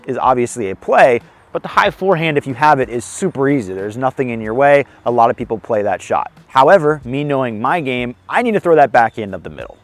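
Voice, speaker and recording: This young man hosts an easygoing disc golf tips video outdoors on a course, his mid-range voice a bit hoarse, with lively intonation and a slightly fast pace. His explanations come across friendly and self-deprecating.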